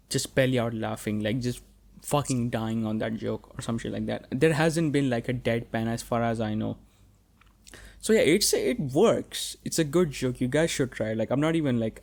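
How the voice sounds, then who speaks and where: Rambling, profane young man. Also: mid-range voice. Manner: rambling and profane, many fillers and restarts. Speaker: podcast host. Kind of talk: casual solo podcast monologue.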